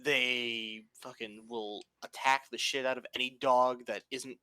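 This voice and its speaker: A man telling stories in casual podcast chat, animated and profane. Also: mid-range voice, a little slow, clean tone, no echo. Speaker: podcast co-host.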